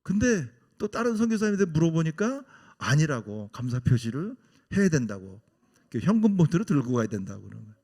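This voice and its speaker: A man's voice: fairly high pitch, fairly quick. A male missionary pastor telling a story in a Sunday sermon, acting out the people he quotes. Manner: animated, acts out quoted people.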